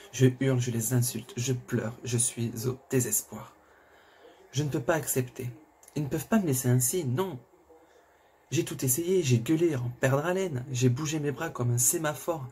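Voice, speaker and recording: Man reading a thriller with dark, mellow tone. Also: mid-range voice, slight background noise. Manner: expressive, swings between narration and outbursts. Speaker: reader of a thriller. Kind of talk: dramatic first-person reading.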